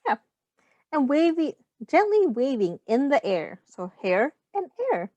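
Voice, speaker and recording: Her voice is high-pitched with big pitch swings and a dark tone, and she reads a little slowly. She's a teacher sharing a picture book with young children, explaining easy words, pointing out rhymes, and asking them questions directly in an instructive way. The recording is dry and muffled.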